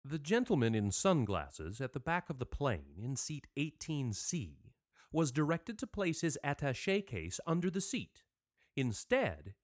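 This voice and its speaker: A man's voice: medium pitch, no echo, clean studio sound. A man hosting a podcast, narrating history from a script in a dramatic, irreverent way. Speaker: podcast host. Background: music.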